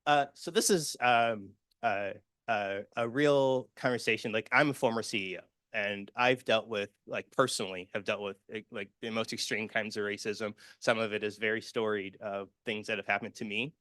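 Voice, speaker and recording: A man's voice: on the low side, steady tone, normal speed, fairly bright tone, no echo. A man giving a personal, earnest conference presentation with slides, full of fillers and restarts. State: emotional, near tears. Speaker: conference speaker.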